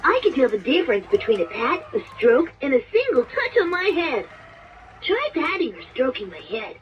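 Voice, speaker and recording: High sing-songy robot panda toy, super bright and bouncy, swoops up and down a lot. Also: female voice, wildly swooping pitch, normal speed, dull audio, a little hiss or hum. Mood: chirpy instructive. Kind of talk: scripted toy voice prompts. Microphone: played from a toy speaker in the room.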